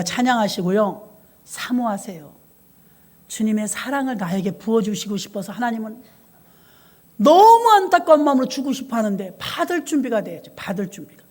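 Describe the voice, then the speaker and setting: A woman pastor preaching in a church, telling her story in lively bursts and hushed asides. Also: mid-range voice. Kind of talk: sermon.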